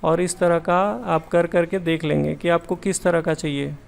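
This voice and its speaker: A man's voice: a little high, fairly even intonation, moderate pace, vocal fry. A man teaching computer skills in a casual screen-share tutorial, chatty and thinking aloud as he corrects himself.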